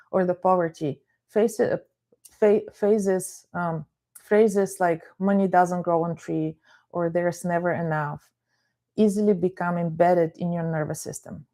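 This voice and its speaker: Speaking live online, a middle-aged woman from Bulgaria who is a therapist and life coach explains things calmly and welcomes viewers by name. Her fairly low voice moves at a measured pace.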